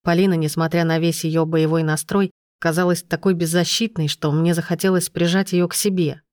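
A woman narrating a novel in the first person, in a steady, even storytelling manner. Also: on the low side, brisk, no echo, clean studio sound. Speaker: audiobook narrator.

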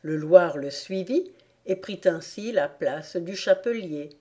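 A woman narrating an audiobook in a calm, measured storytelling manner. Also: fairly low pitch, husky. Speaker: audiobook reader.

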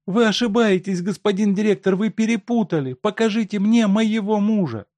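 A man's voice: sits high, normal speed, darkish tone, no room sound, voice pushed up, natural voice. A man reading aloud and voicing a desperate, tearful wife who pleads with a doctor for her husband. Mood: frantic. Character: desperate grieving wife, middle-aged woman.

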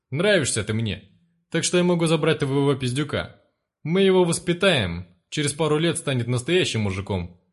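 List: man doing a one-eyed gang boss, big, vulgar, loud and raised, coarse threats, storybook villain. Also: fairly high pitch. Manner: coarse swearing, shouting threats.

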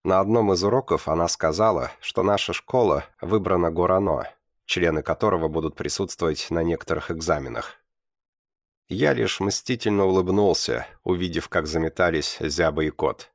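A man narrating a first-person audiobook in a measured, deliberate reading, with blunt slang. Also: low voice, no echo, studio quality.

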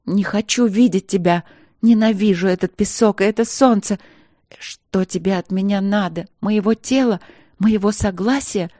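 A woman's voice: fairly low pitch, moderate pace, mellow, dry recording, close to an everyday voice. A desperate young princess, as a woman reading puts her on, raises her voice in bitter anger. The tone stays darkish and heard close, with a dry storybook sound. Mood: furious.

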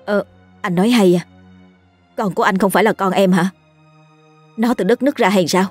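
A woman's voice: mid-range voice, moderate pace, darkish tone, husky, no room sound, faint music behind, lightly acted. A woman reading a story and voicing a worried, protective mother who presses with questions. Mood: indignant.

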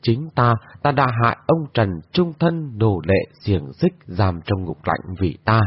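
A man voicing a grieving noble lady, husky and mournful. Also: lowish voice, a little slow, dry recording. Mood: anguished. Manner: lamenting, mournful. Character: grieving noble lady, middle-aged, sorrowful. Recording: dull lo-fi recording.

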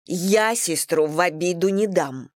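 A woman reading an audiobook, voicing a protective older sister who scolds in a sharp, worried way. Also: on the low side, unhurried, dry recording, studio quality, natural voice. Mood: scolding.

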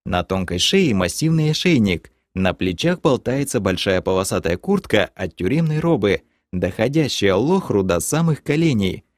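Man narrating an expressive audiobook. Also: on the low side, moderate pace, hardly any pauses, no room sound, studio quality. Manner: expressive storytelling. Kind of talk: first-person audiobook narration.

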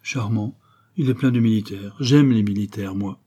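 Crafty old widow rag-picker, sly and wheedling, dark husky tone, read by a man. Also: lowish voice, normal speed.

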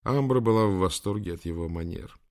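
Deep-voiced man reading an audiobook. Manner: calm, measured reading. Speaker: audiobook narrator. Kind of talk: scripted narration.

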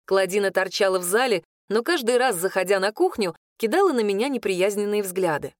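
A woman narrating a first-person audiobook with lively, expressive storytelling into a close mic. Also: mid-range voice, a little fast, no room sound.

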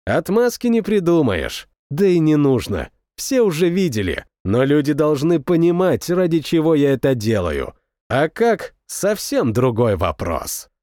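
A man narrating a first-person war story as an audiobook, reading with expressive, dramatic delivery. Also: fairly high pitch, a little slow, no echo, studio quality.

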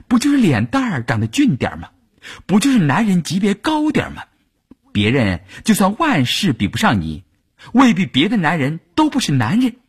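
A man telling a long novel on the radio in an expressive, storytelling manner. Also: husky. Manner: expressive, swinging pitch.

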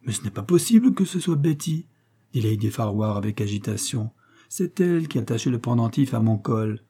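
A man's voice: lowish voice, brisk, warm tone, breathy edge. A man doing a flustered English noblewoman. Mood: agitated. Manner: agitated, pleading. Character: English noblewoman, nervous and indignant.

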